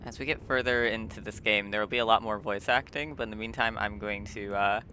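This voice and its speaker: Squeaky-voiced man streaming a game. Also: fast, pushed and bright, a little hiss or hum. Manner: self-deprecating, hesitant with fillers. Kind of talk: casual game stream commentary.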